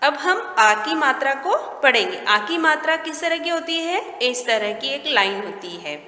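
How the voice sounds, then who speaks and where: A woman teaches young children in a high, bright voice. She goes slowly and clearly, one word at a time. The sound rings in a roomy, echoing space. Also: lively intonation. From India. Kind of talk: primary school lesson. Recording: echoey room with long reverb.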